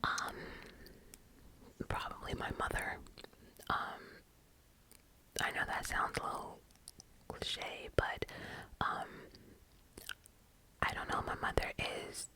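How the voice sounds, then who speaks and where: An ASMR host speaking in a breathy cupped-hand whisper very close to the microphone, answering questions in an informal, rambling way. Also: takes it slowly, pauses often, pushed and bright.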